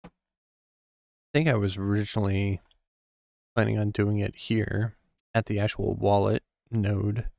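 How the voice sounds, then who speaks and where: A man thinking aloud while he codes on a live stream, musing in a halting way with many pauses and ums. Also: lowish voice, little pitch movement, gravelly, a little mellow, no room sound. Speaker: programmer streaming a coding session.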